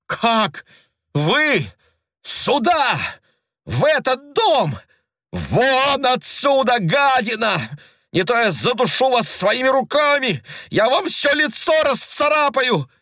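A man doing a shrill, hysterical young woman. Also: normal speed, fairly bright tone, dry recording, studio quality, lightly acted. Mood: furious. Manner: shrieking, frantic.

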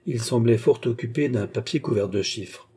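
A man narrating a classic novel as an audiobook reader, in a measured storytelling manner. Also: mid-range voice, dark tone, slightly rough.

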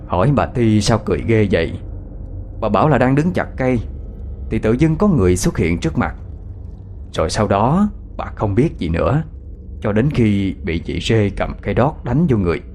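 A man narrating a ghost story as a lively, dramatic storyteller. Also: fairly low pitch, normal speed, a little hiss or hum.

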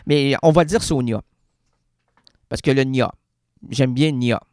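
A man's voice: mid-range voice, slow pace, darkish tone, no echo. A man with a Québécois accent, a radio columnist delivering a rambling, theatrical, absurdist comedic monologue in a studio. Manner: theatrical, rambling, playful wordplay.

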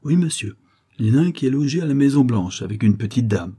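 A man's voice: medium pitch, animated, fast talker, dark tone, slightly rough, pitched above the performer's own voice. A man voicing an eager, boastful young farmhand who talks in a rustic way, in a read-aloud storybook.

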